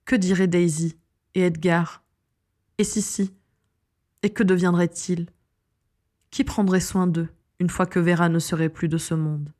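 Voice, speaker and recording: Low-voiced woman narrating an audiobook. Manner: measured, expressive storytelling.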